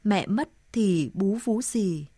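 A woman's voice: medium pitch, lively intonation, slow pace, dark tone, no room sound, studio quality. A woman voicing a sorrowful old grandmother, murmuring tenderly to her dead daughter in a storybook reading. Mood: grieving. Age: older.

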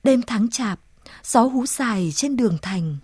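A woman narrating a story aloud in a measured, solemn reading voice. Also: a little high, lively intonation, darkish tone, breathy edge, dry recording, clean studio sound. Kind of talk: audiobook narration.

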